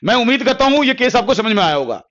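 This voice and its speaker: A man teaching a physics class at a board. He repeats key terms over and over, dictates notes slowly word by word, and calls his students "beta" and "bhai". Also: very high-pitched, big pitch swings, fairly bright tone. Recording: dull lo-fi classroom recording.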